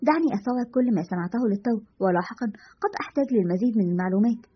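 A woman's voice: fairly high pitch, expressive, racing, breathy edge. A woman voicing a sarcastic, nosy male TV show host with a dismissive manner, in a dull lo-fi recording.

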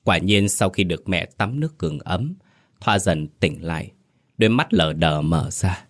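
Deep-voiced male ghost story narrator. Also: expressive, measured pace. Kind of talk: scripted horror story narration.

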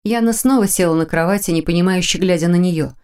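Low-voiced woman narrating an audiobook. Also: clean tone. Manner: even, measured storytelling. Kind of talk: scripted narration.

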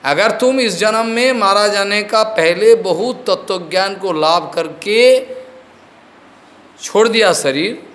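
A man with a rather high voice teaches as a spiritual teacher at an unhurried pace. He unfolds a devotional discourse through stories, mixing English words into his speech. He often stops to ask whether his listeners have understood. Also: a bit bright.

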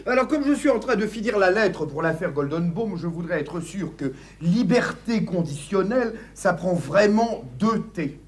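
A man's voice: high-pitched, lively intonation, moderate pace, few pauses. A man playing a deferential male servant in a stage farce, speaking politely and plodding along. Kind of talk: filmed stage farce acting.

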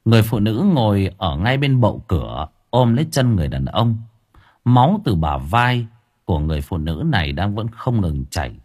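A man narrating a dramatic audiobook in an expressive, animated way. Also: lowish voice, normal speed.

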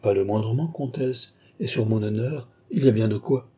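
A man voicing a fawning old male courtier who talks in a simpering, flattering way. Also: medium pitch, normal speed, husky, natural voice.

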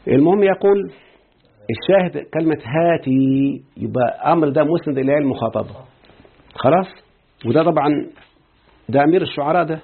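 A man's voice: on the high side, expressive, a little fast, long pauses. A man with an Egyptian Arabic accent giving a classroom grammar lesson, explaining step by step and checking often that students follow. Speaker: grammar teacher. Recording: tinny phone-like husky recording.

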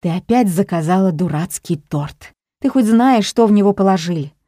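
A woman voicing an exasperated adult daughter and mother who shouts at her family, in a storybook reading. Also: on the low side, moderate pace, no room sound, studio quality, natural voice.

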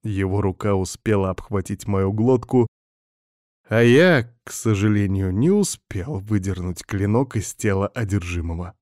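A man reading a first-person story aloud in a steady, scripted audiobook narration. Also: on the low side, unhurried, dry recording, clean studio sound.

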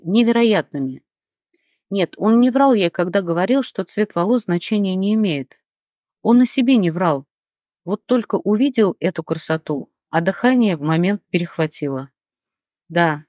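An audiobook narrator telling the story in a steady, measured voice. The recording is close and dry, with a slightly dull top end. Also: medium pitch, no room sound. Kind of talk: scripted narration.

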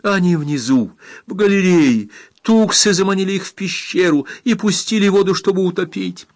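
A man's voice: mid-range voice, normal speed, fairly bright tone, pitched above the performer's own voice. A man reading aloud, voicing a brave young woman with a raised, urgent, pleading voice in an audiobook.

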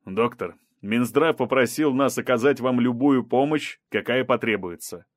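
A man's voice: medium pitch, normal speed, no room sound, studio quality, lightly acted. A man voicing a stern male federal police officer giving curt commands. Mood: businesslike.

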